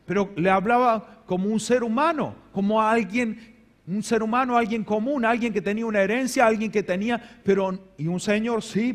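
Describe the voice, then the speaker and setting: Man, Argentine accent, pastor, sermon, dramatic loud and hushed delivery, long church reverb. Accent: Argentine Spanish. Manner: dramatic swings between loud emphatic and low hushed delivery. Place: large church hall.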